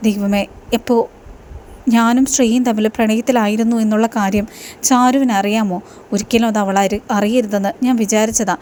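A woman's voice: a little high, fairly even intonation, moderate pace, a little mellow, slight background noise, lightly acted. A woman reading a regretful young husband's inner thoughts. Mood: remorseful.

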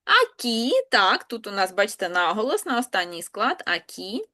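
A woman's voice: mid-range voice, very animated, moderate pace, bright, forceful tone. A woman language teacher explaining spelling patiently, step by step, in an online lesson.

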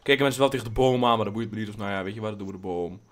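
A young man hosting a casual let's play, rambling and blunt, swearing freely, mixing in English phrases and breaking into sudden excited outbursts. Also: on the low side, racing. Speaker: gaming channel host.

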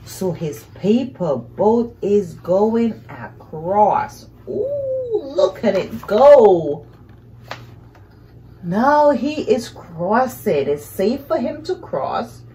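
She draws out her words, very animated, in a mid-range, dark-toned voice, and the rough recording has a little hiss or hum. A middle-aged woman on a couch in a small living room, she improvises a picture-book read-aloud for young children with questions and exclamations.

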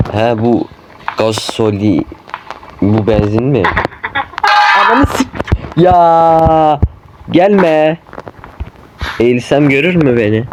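A man cursing nonstop as he plays a horror game, yelling in panic when chased. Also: medium pitch. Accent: Turkish. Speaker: gamer. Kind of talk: horror game let's play commentary. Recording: noisy home mic recording.

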